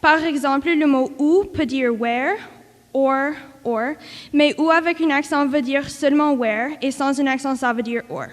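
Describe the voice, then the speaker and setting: A woman's voice: sits high, measured pace. A woman, a student presenter, reading a prepared word presentation earnestly. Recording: long hall reverb.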